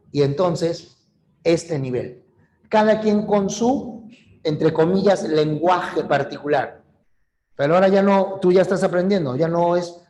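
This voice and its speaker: A man's voice: sits high, darkish tone. A man teaching a language class online, explaining terms and talking straight to his students. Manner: explanatory, acts out examples, addresses students directly.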